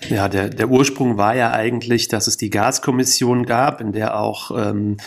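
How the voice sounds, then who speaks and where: A man's voice: medium pitch, steady tone, moderate pace, creaky. A man hosting a conversation, summing up the background before putting questions to his guest. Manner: sums up background, then poses questions. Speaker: host asking questions. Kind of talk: conversational interview.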